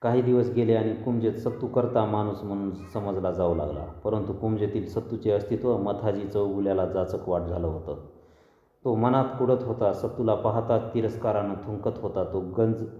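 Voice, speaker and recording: A man narrating a novel in a steady, dramatic storytelling manner. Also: lowish voice, normal speed. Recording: echoey dull lo-fi reverb.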